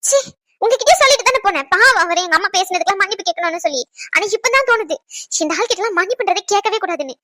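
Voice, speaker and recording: A woman voicing an indignant, quick-tempered young woman in a cartoon, who speaks in a scolding, scornful way. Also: very high voice, animated, pushed and bright, no room sound, clean studio sound, heavily acted. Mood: angry. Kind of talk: cartoon voice acting.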